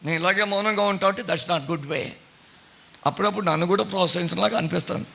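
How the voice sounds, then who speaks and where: A man's voice: high-pitched, a little fast, creaky, pushed and bright. A middle-aged man preaching a sermon as pastor, questioning his congregation in a conversational way. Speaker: pastor and Bible college principal.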